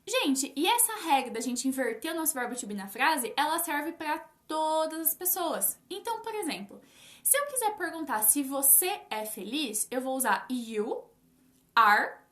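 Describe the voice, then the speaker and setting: A young Brazilian woman gives a casual live English lesson in a high, bright voice. She speaks straight to her viewers and slows down to stress each example. Her voice bounces around an echoey room. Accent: Brazilian Portuguese. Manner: lively, talks directly to viewers, stresses English examples slowly. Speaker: English teacher.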